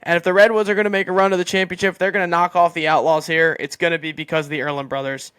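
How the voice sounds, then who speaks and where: Male analyst co-host, smooth clear voice, dry close mic, steady breakdown. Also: a little high, very fast, no room sound. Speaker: podcast co-host. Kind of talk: sports analysis chat.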